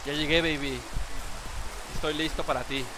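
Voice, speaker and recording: A man's voice: fairly even intonation, moderate pace, music in the background, natural voice, poor audio. A man putting on a sultry flirt. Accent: Mexican. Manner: low, sultry, teasing delivery.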